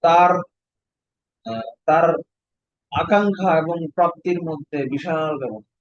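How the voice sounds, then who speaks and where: A man's voice: on the high side, lively intonation, a little slow, dry recording, dull audio. A Bangladeshi man teaching an online exam-prep class, explaining step by step and quizzing his students with questions.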